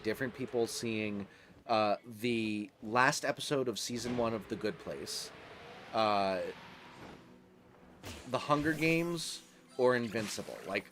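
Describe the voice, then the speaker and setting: A man's voice: medium pitch, a little hiss or hum. Chatty male game streamer. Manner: rambling, laughs often, restarts sentences. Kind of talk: casual live-stream chat while gaming.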